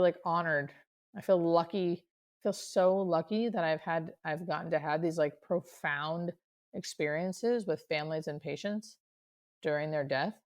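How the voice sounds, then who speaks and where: A woman speaking as a hospice nurse in an interview, earnest and reflective, often repeating words for emphasis. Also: on the low side. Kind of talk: conversational interview answers.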